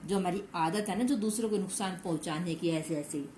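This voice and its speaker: Teacher explaining a story to children. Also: female voice, on the low side, brisk, darkish tone. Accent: Hindi. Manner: explains each line again in simple words, asks the class questions. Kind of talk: reading and explaining a story to young pupils. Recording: echoey room with faint background noise.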